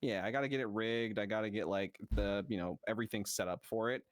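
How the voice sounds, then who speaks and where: Brief: excitable man, lowish voice, dry close mic, casual chat guest who swears. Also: fast, no echo. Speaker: VTuber guest.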